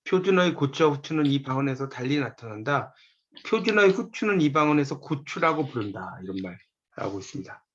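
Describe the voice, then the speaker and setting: A man's voice: mid-range voice, very animated, fairly quick, fairly bright tone, lo-fi sound. A man giving a university lecture from a textbook, patiently telling students which pages and lines to look at.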